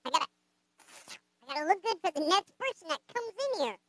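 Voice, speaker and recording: A man's voice: very high-pitched, lively intonation, quick pace, bright, forceful tone, full character voice. A performer voicing a brash, flirty male blue puppet who hosts a live stream, cracking crude jokes and cackling often. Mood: chatty, playful.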